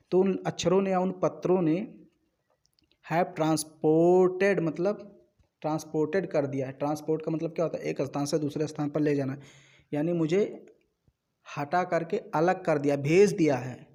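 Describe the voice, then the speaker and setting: A man with a somewhat high voice lectures on a play line by line. He reads each quoted line slowly before explaining it, repeating words and checking in with a frequent "ok". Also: mellow. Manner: reads English lines slowly, then explains them at length. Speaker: literature teacher.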